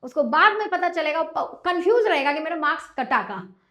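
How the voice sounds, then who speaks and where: A woman teacher explains grammar in a high, very lively voice. She asks her class a question, then answers it herself, and keeps checking whether they have followed. Her pitch climbs and dips a lot. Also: brisk. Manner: often checks understanding with a repeated question. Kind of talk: grammar lesson in Hindi with English terms.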